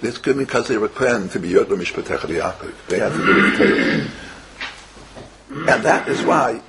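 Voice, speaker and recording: A man's voice: mid-range voice, vocal fry, fairly bright tone, a little hiss or hum. An older man giving an informal religious lecture as a rabbi, repeating phrases and answering his own questions. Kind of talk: informal religious lecture with stories and Hebrew quotes.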